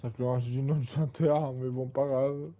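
A gaming channel host in his twenties offers casual gameplay commentary in a warm, steady, medium-pitched voice at a moderate pace. He rambles, using plenty of fillers and repeated tags.

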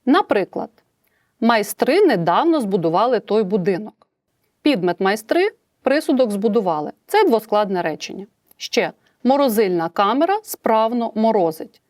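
A woman's voice: on the high side, sing-song, normal speed, a little mellow, no room sound, clean studio sound. A woman teacher with a Ukrainian accent explaining grammar in a recorded lesson, acting out example sentences with changing intonation. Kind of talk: recorded distance-learning lesson.

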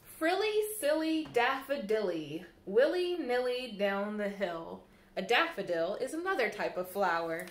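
A woman in her thirties, working as a library storyteller, reads a children's picture book aloud in a sing-song voice, speaking directly to young kids. Her medium-pitched voice swings widely at a measured pace as she sits by a window in a small indoor room. A camera mic a short way off adds roomy echo and slight background noise.

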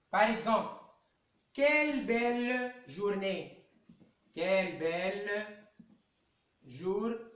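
A man teaching a live online French lesson at a chalkboard. He speaks slowly and patiently and keeps coaxing his pupils to answer. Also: high voice, a bit bright. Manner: slow, patient, coaxing, repeats "allez" to prompt pupils. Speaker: primary school French teacher. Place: indoor room at a chalkboard. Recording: roomy echoey room sound.

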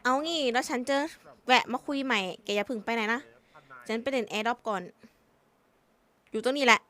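Woman gamer, high voice, blunt and teasing, swears a lot. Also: moderate pace, sharp tone. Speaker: roleplay gamer. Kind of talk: casual game chat.

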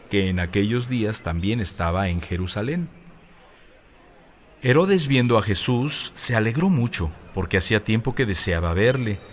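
A man reading a Bible passage aloud in a steady, even manner. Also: lowish voice. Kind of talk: scripture reading.

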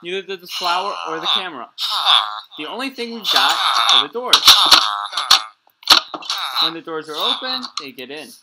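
A man playing in a Minecraft roleplay series improvises in-character narration, muttering explanatory fragments to himself. His slightly high voice is animated at normal speed with long pauses, on a clearly noisy amateur game recording full of clicks.

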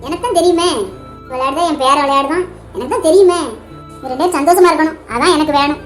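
A woman's voice: sits high, fast talker, soft background music, close to an everyday voice. A woman voicing an affectionate, teasing old grandmother in a cartoon, with a Tamil Nadu accent. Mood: playful. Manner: teasing, then tearfully apologetic. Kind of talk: cartoon voice acting.

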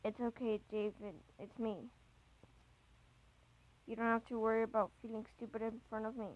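A woman's voice: fairly high pitch, level tone, moderate pace, lo-fi sound, natural voice. A woman reading a chat story aloud, voicing a worried young woman who keeps pressing her boyfriend with questions.

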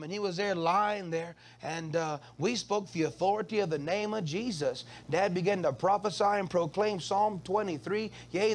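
A pastor leads a midweek church service in a high tenor voice. He preaches in a call-and-response style, asking the congregation for an amen and breaking into sudden high-pitched shouts of praise. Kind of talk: Wednesday evening sermon.

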